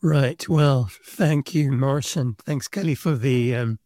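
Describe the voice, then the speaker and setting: A middle-aged man with a South African accent, speaking as a guest in a podcast interview and telling his story in a measured, thoughtful way. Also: medium pitch, mellow, dry recording, studio quality. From Kenya and South Africa. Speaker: guest, book publisher's representative.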